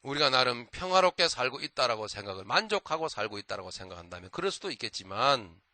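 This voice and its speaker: Pastor guy preaching, super lively pitch, keeps asking the room, dry close sound. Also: fast talker, no echo. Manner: animated storytelling, frequent prompts to the congregation. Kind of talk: sermon. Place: church.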